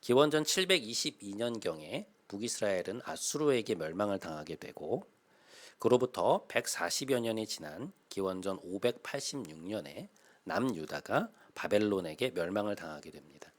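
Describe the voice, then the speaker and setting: A male pastor in his thirties preaching a sermon, explaining patiently with frequent "uh" fillers and swelling to loud, emphatic calls. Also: on the low side, expressive, normal speed.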